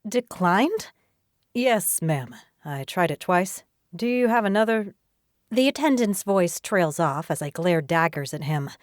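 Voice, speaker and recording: A woman narrating a romance audiobook in the first person in a steady, even reading voice. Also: on the low side, no echo, clean studio sound.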